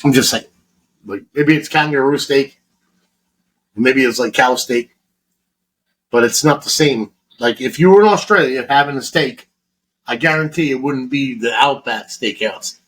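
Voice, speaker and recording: A man's voice: medium pitch, measured pace, long pauses, fairly bright tone, poor audio. A man from Florida co-hosting a podcast, rambling through a casual chat in a heavily profane, restart-filled way. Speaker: podcast co-host.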